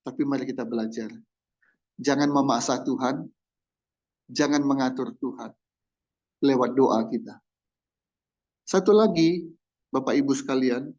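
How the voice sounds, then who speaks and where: A man preaching a sermon as a pastor, animated and jokey, often mimicking loud, demanding prayers. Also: medium pitch, unhurried, pauses often, lo-fi sound.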